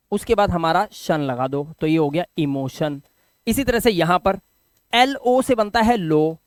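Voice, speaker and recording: A man teaching English pronunciation, sounding out words syllable by syllable with lively emphasis. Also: sits high, no room sound. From India. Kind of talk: explaining pronunciation lesson.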